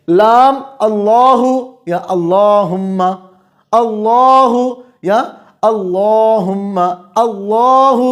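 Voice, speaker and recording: In an explanatory lesson on the rules of Quran recitation, a man with a very high voice asks the class questions, then answers them himself. He chants the examples slowly.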